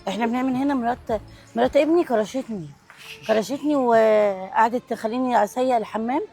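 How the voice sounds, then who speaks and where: A woman's voice: on the high side, fast, dark tone, husky, faint music behind. A woman with an Egyptian accent playing a frightened elderly mother turned out onto the street, pleading and repeating herself like a child. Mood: confused. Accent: Egyptian Arabic.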